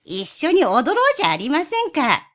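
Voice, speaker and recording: A woman's voice: sits high, wildly swooping pitch, moderate pace, fairly bright tone, voice pushed up, exaggerated voice. A woman voicing a sly, scheming male spotted cat who coaxes in a syrupy tone, in a storybook reading. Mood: coaxing. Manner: coaxing, wheedling tone.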